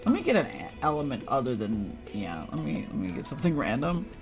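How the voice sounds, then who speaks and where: A woman with an extremely low voice streams a video game, talking quickly with huge pitch swings. Her casual, playful chat with viewers is full of slang and some swearing. Game music and sounds play behind her.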